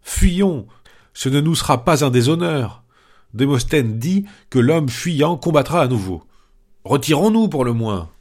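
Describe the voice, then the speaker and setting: A man's voice: medium pitch, lively intonation, measured pace, a little mellow, pitched above the performer's own voice. A man voicing a panicking, cowardly male companion at sea, frantic and pleading in a dramatic reading. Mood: panicked.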